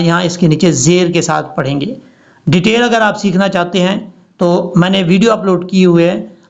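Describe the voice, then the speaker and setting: A man teaching Quran recitation, chanting words slowly and drawn out between quick, plain explanations. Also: high voice, gravelly, highs cut off. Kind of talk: recitation lesson.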